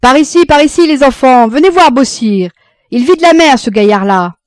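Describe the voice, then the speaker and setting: A woman voicing a jovial older sea captain who calls out loudly and heartily. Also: extremely high pitch, expressive, normal speed, no echo, pitched above the performer's own voice. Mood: hearty. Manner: hearty shouting call.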